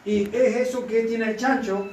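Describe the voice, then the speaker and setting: A man's voice: very high-pitched, fairly even intonation, normal speed, darkish tone, slight background noise. A man preaching a sermon, who keeps asking the congregation whether they follow him. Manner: asks the congregation for constant confirmation. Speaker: pastor. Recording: echoey room, mic at a distance.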